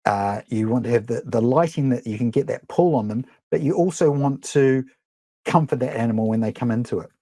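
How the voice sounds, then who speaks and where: In a dry recording, a middle-aged man with a dark, medium-pitched voice and a New Zealand accent talks through a live photography webinar. He rambles casually, with lots of ums and restarts.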